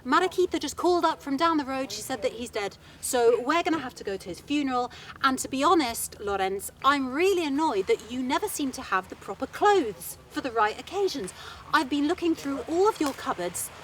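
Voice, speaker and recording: A woman voicing a fisherman's wife who delivers news flatly and scolds her husband about his clothes, in a told folktale. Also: high voice, brisk, pitched above the performer's own voice. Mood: nagging. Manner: flat then nagging.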